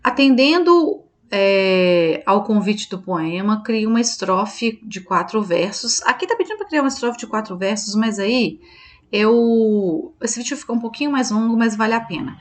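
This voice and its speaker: A woman's voice: mid-range voice, lively intonation, moderate pace. Chatty Brazilian woman teacher. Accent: Brazilian Portuguese. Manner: chatty, checks in with listeners often; self-correcting, thinks aloud. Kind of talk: online lesson going over quiz answers.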